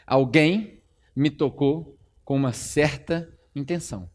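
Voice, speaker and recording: A preacher voicing Jesus as a calm, insistent male teacher. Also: a little high, slow pace, pitched below the performer's own voice. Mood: calm insistence.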